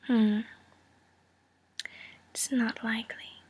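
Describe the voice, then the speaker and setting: A woman playing a cool, calculating female mobster in a whispered role-play, breathy, teasing and condescending, delivering a friendly threat. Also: fairly high pitch, flat delivery, drawn-out words, darkish tone, full character voice. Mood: veiled threat.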